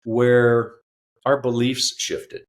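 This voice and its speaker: A man in his fifties, a podcast guest telling his life story earnestly, halting with fillers. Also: mid-range voice, level tone. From United States. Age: 50s. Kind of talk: reflective personal storytelling.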